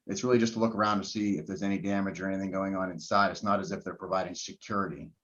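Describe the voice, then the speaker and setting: A man's voice: low-pitched, fairly even intonation, rapid-fire, fairly bright tone. A man answering questions for the respondent at a hearing, hesitant and full of ums and restarts. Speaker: respondent's representative. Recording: muffled lo-fi audio.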